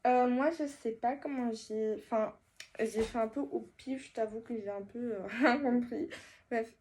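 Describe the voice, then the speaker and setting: A woman's voice: on the high side, fairly even intonation, a little slow, darkish tone, a little hiss or hum, natural voice. Woman playing a hesitant teenage schoolgirl. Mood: unsure. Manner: hesitant, filler-heavy teen slang. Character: teenage schoolgirl, shy K-pop fan. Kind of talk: comedy skit role-play.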